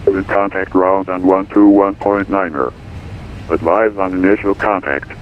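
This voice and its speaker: A man's voice heard as a recorded airport weather broadcast over the radio, reciting codes and numbers in a formal, even way. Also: low voice, measured pace, slight background noise. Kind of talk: recorded automated information broadcast. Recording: tinny radio-band audio.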